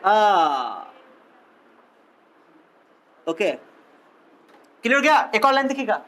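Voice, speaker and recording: A man's voice: high voice, sing-song, drawn-out words, fairly bright tone, slight background noise. A male physics teacher giving a classroom lecture, playful and teasing, repeating questions back to his students.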